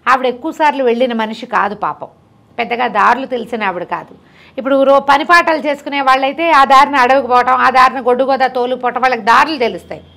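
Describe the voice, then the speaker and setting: Woman storyteller, folk tale, lively, chatty, asides to the listener, fairly high pitch. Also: fast talker.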